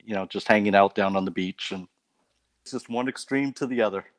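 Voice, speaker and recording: A man from Canada, a guest on a faith talk show, telling stories about his life in a relaxed way with light laughs. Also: fairly low pitch, brisk, no room sound. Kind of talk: casual testimony interview.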